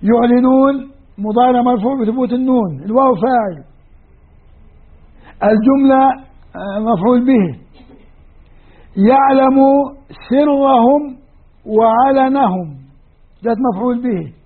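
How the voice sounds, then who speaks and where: High-voiced Levantine man lecturing, tinny sound. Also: moderate pace, long pauses, husky. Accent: Levantine Arabic. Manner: explanatory, poses questions to students and answers them. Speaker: Islamic studies teacher. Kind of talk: classroom lecture on Quranic grammar. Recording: tinny lo-fi phone-like recording.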